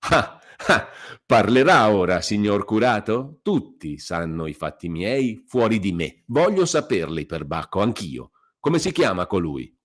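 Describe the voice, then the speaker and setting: A hot-headed young villager, loud and forceful, pressing his demands with a threatening edge, as a man acts him out. He speaks a bit higher and louder than the deep-voiced reader's own narration, in a storybook reading. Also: big pitch swings, a little slow. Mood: demanding. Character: angry, determined young male villager.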